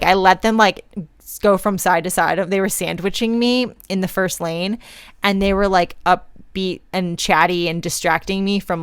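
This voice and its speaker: A woman's voice: mid-range voice, clean tone, dry recording. A young woman hosting a podcast, telling a personal story in a casual, chatty way with plenty of "like"s. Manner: casual and chatty, many fillers like "like". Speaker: podcast host.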